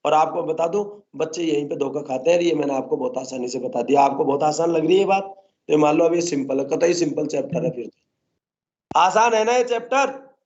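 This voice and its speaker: A man's voice: fairly high pitch, moderate pace, darkish tone, lo-fi sound. A male botany teacher lecturing a class, constantly coaxing the students to answer his questions.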